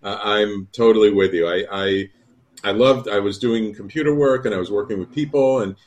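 Low-voiced man hosting talk radio. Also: moderate pace. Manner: relaxed, hesitant fillers. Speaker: radio show host.

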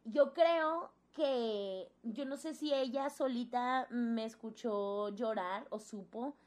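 A woman's voice: fairly high pitch, slow pace. A young woman with a Mexican accent, telling a personal story in casual chat and acting out the voices of the people in it. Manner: animated storytelling, acts out quoted voices.

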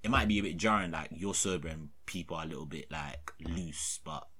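Young adult male, London roadman accent. Low, forceful tone, animated, slangy casual banter. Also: brisk, slightly rough. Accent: London, roadman slang style. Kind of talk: casual banter between friends.

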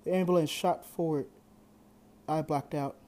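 A young amateur narrator reading a first-person adventure story in a plain, halting read-aloud delivery. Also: mid-range voice, steady tone, dark tone.

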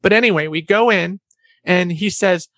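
A woman guest telling a personal story in an interview, animated and acting out what other people said. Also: on the low side, normal speed, no room sound.

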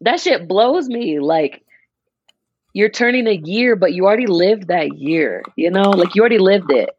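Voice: medium pitch, animated, moderate pace, breathy edge, dry recording, dull audio. A person in their mid-twenties chatting casually on a podcast, rambling and restarting as they explain an idea. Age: 20s. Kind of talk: casual chat.

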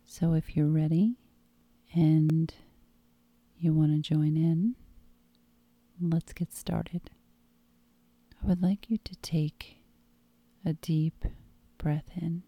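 A woman leads guided hypnosis in a very dark, mellow, breathy voice that often sinks toward a whisper. Her delivery is calm and meditative, drawn out at an unhurried, slow pace. The sound is dry and close. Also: deep voice, no echo.

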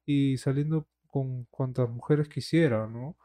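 Mellow-voiced man, blunt and slangy. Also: medium pitch, steady tone, unhurried. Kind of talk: casual chat.

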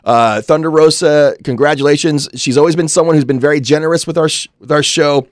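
A man chats casually as a podcast co-host. His voice is fairly high, he leans on words and repeats phrases for emphasis, and the recording is dry and close. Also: steady tone, brisk, dry recording. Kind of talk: casual wrestling banter.

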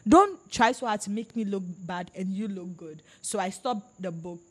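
A Ghanaian woman with a husky, medium-pitched voice hosts a casual podcast chat about books at a normal pace. She's animated and emphatic, frequently talking over her guests.

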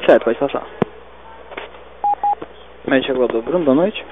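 A man, an emergency doctor giving steady, repeated step-by-step instructions over the phone. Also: mid-range voice, normal speed, phone-quality sound.

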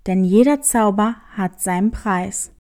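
Sly storybook tomcat, low and slow, cryptic and boastful, a woman puts him on. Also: warm tone, close to an everyday voice.

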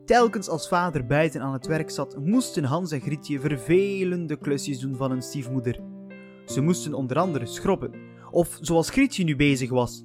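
Man, fairy-tale narrator, playful and chatty, a bit higher voice, faint music behind. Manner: playful, chatty, talks to the listener. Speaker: storyteller.

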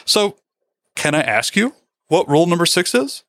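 A man's voice: high-pitched, huge pitch swings, normal speed, fairly bright tone, no echo, studio quality, pitched above the performer's own voice, full character voice. A man acting out a visiting male prime minister in a retold story, asking hesitant, polite questions in a raised voice. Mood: curious.

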